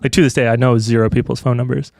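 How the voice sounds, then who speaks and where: A man's voice: medium pitch, flat delivery, racing, creaky, a little mellow, no echo. A man in his thirties, a podcast co-host, telling a story in casual chat, swearing often and laughing as he goes. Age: 30s.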